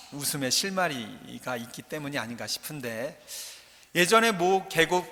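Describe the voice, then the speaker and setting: Priest preaching with bright church echo. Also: male voice, fairly high pitch. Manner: conversational, joking, asks the congregation questions. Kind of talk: sermon. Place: large church. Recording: church hall reverb.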